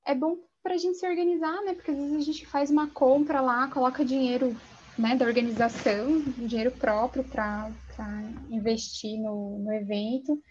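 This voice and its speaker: A woman's voice: high-pitched, steady tone, normal speed, darkish tone. A woman, an event organizer chatting casually before a live online event over small earphones. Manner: chatty, conversational. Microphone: headset earphones. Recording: dull lo-fi sound with faint noise.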